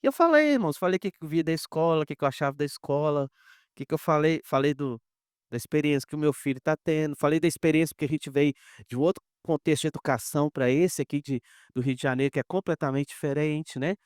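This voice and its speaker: High-voiced Brazilian pastor telling stories. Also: male voice, quick pace, smooth, no echo, studio quality. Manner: animated storyteller, addresses the congregation directly; acts out quoted dialogue. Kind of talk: conversational sermon with personal stories.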